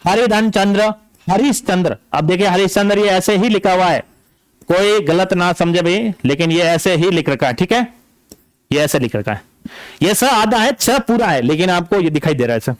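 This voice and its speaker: At a normal speed and with a high-pitched voice, this man leads an exam-prep grammar class with no echo on the recording. After stating each rule, he repeats it repeatedly, punctuating his explanation with checks such as "ठीक है ना" or "okay?".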